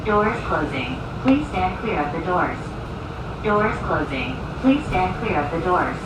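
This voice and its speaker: A woman's recorded train announcement voice from a loudspeaker inside an airport people-mover, speaking in a clear, measured, formal way. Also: sing-song. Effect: train public address announcement. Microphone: camera filming the train's loudspeaker. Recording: echoey hall from far off, loud train noise. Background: loud train rumble.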